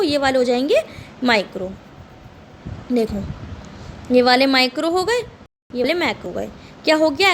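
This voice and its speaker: Female teacher, high pitch, drills students with repeated questions, light background hum. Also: a bit bright. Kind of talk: lecture.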